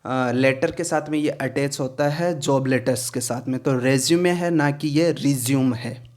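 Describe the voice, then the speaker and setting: A man teaching pronunciation in Hindi, explaining slowly, repeating words and often asking if it is clear. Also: medium pitch, a little mellow. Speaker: English teacher. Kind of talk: pronunciation lesson.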